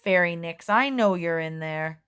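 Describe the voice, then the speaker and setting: A woman's voice: lowish voice, measured pace, fairly bright tone, clean tone. A stern, wary farmer man, as a woman reads him. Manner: stern, a little shaky.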